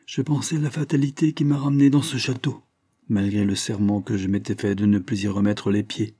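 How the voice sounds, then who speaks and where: A man's voice: fairly low pitch, steady tone, a little fast, dark tone, slightly rough, no room sound, clean studio sound. A man voicing a bitter, remorseful young nobleman recovering from illness in a storybook reading. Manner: bitter, brooding.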